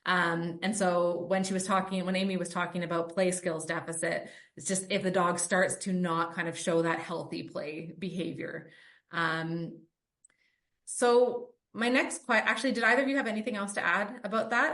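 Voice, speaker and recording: A woman's voice: mid-range voice, fairly even intonation, moderate pace, a bit bright. A woman hosting a podcast and working as a dog trainer. She talks conversationally and runs through her points with frequent "um" and "like" fillers. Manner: lists points with many "um" and "like" fillers.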